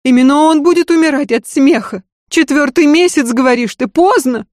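A woman's voice: normal speed, darkish tone, no room sound, clean studio sound, close to an everyday voice. A woman voicing a proud, bitter, volatile noblewoman who screams and sobs in outbursts. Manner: shrill, screaming, sobbing outbursts.

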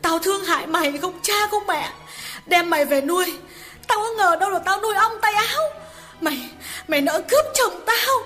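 A furious young village wife hurls curses and wails in a piercing high, sharp voice. Soft music plays behind her. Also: lively intonation, moderate pace, exaggerated voice. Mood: enraged. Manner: shrill cursing wail. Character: furious betrayed village wife near thirty. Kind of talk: audiobook character voice.

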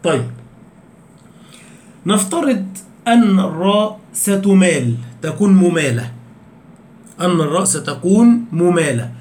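A man with an Egyptian Arabic accent teaching Quran recitation rules in a lecture. He asks the class repeated questions and slows right down to recite examples. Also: sits high, expressive, darkish tone. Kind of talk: tajweed lecture. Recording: echoey room with faint background noise.

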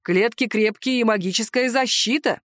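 A woman's voice: on the high side, moderate pace, fairly bright tone, no room sound, studio quality, close to an everyday voice. A woman doing a harsh, stern dragon lord. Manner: harsh, barking. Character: stern fire-breathing male dragon lord.

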